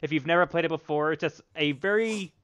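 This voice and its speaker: A man's voice: on the high side, fast, fairly bright tone, clean tone, muffled recording. A man hosting a casual gaming podcast, chatty and enthusiastic, often restarting his words. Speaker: podcast host.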